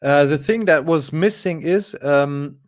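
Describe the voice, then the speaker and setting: A man's voice: fairly high pitch, measured pace, no echo, studio quality. A man, a guest in a casual live interview, talking with many fillers and restarts. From Germany. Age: 20s.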